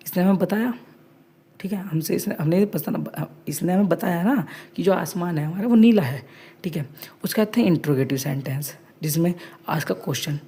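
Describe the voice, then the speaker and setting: Woman teacher for a kids' online class, husky and mellow, explains everything twice and reads examples slowly. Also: low voice. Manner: explains each point twice, saying "okay" again and again; talks to the class as children.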